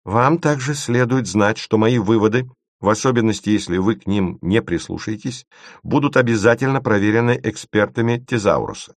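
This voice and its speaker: A determined young woman who presses her case and slips into cold official phrasing, read by a man. The voice sits low, and the recording is close and dry. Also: moderate pace, dry recording, close to an everyday voice. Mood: insistent. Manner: insistent, turning cool and formal. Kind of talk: audiobook reading.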